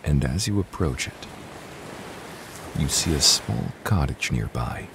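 Very deep, slow, gravelly sleep-story man. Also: lively intonation, noisy background. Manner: soft, hushed and soothing, at times whispering. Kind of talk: guided sleep meditation narration. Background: new-age music and ocean waves.

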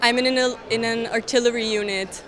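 A woman in her twenties from Austria, speaking English with an Austrian accent, answering interview questions in an earnest, measured way with hesitant restarts. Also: on the high side, steady tone, a bit bright. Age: 20s. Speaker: interviewee, soldier. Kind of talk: event interview. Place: indoor event hall, crowded.

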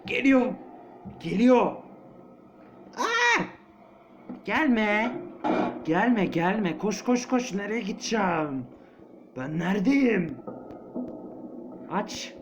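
Yelping and muttering, a panicky gamer narrates his horror let's-play in a high, animated voice, speaking slowly with long pauses. Loud game ambience fills the noisy background of the muffled, lo-fi recording.

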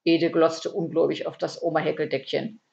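A woman from Germany, reading her own comic story aloud with a dry, expressive delivery. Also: low-pitched, brisk, gravelly, dull audio. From Lüneburg Heath, northern Germany.

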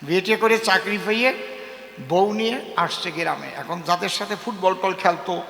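A male folk poet with a rural East Bengali accent, cracking jokes and quizzing the crowd from a stage. His voice sits high and gravelly with a bright, forceful edge. It rings through a big echoey hall with a long reverb. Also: moderate pace. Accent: East Bengali rural dialect. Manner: joking, storytelling, asks the audience questions. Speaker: folk poet and kabigaan singer. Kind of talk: humorous stage banter with audience.

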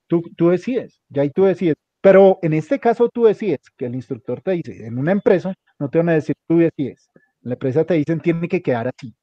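A man's voice: on the high side, animated, a little fast, no echo. A man teaching a hands-on computer class, giving directions step by step and repeating them often. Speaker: instructor. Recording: dull lo-fi recording.

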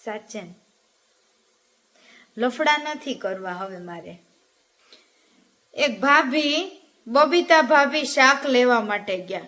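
A woman's voice: fairly high pitch, expressive, takes it slowly, long pauses, bright, forceful tone. A woman from Gujarat, telling cheeky jokes in a chatty, teasing monologue and talking straight to viewers. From Gujarat, India. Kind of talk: casual joke-telling monologue.

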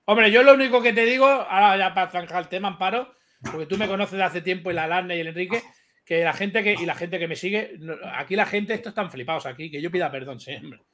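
A man with a high, bright voice who rattles on at a rapid clip. He talks over the others and swears his way through a rowdy livestream chat. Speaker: livestream guest. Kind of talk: heated casual livestream chat.

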